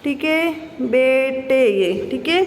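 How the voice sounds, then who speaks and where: High-voiced woman teaching children. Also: lively intonation, takes it slowly, a little hiss or hum. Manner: patient, repeats questions and answers them herself. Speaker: school teacher. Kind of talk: classroom lesson for young children. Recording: echoey room with reverb.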